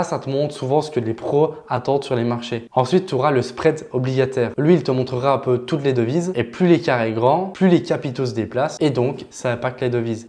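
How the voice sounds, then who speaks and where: Un homme, formateur en trading, qui explique des notions de façon détendue et familière, avec des « euh » et des « bah ». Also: male voice, mid-range voice. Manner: relaxed, chatty explaining with filler words. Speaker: trading educator. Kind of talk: casual explanatory lesson.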